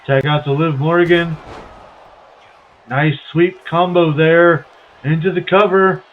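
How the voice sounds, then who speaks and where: This streamer's voice is on the high side, slow and fairly even in intonation as he talks over a wrestling video game. He muses hesitantly, packing in fillers, and the mic gives everything a tinny, tin-can phone quality.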